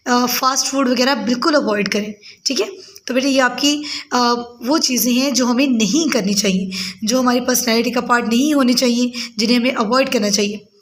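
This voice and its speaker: Fairly high-voiced woman teaching children. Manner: calls pupils "beta", many filler "uh"s, reads English words out slowly. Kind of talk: recorded class lesson for children.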